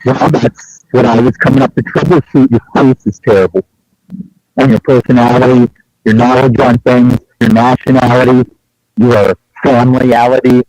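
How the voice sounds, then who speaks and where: A man's voice: medium pitch, fairly even intonation, moderate pace, darkish tone, no echo, low-quality recording. A man on a livestream panel, talking brash, mock-insulting trash over glitching, broken-up audio. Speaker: returning panel guest. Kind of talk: livestream banter.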